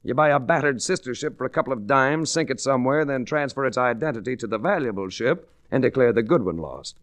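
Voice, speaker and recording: In a restored 1940s radio drama recording, a male actor with a natural, mid-range voice speaks quickly with lively intonation, and the sound is dry. He plays a wry, hard-boiled adventurer-investigator narrating his own case in a probing mood.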